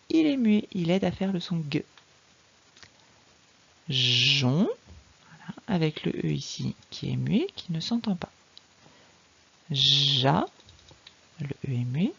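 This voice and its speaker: A woman teacher giving a patient, slow, explanatory reading lesson to a young child. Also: fairly low pitch, vocal fry, darkish tone, breathy edge, dull audio. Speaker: primary school teacher.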